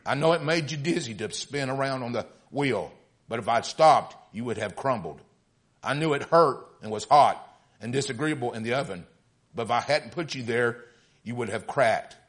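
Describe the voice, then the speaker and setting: Man doing a patient old potter, calm and explaining, told like a bedtime story. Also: mid-range voice, moderate pace, lightly acted.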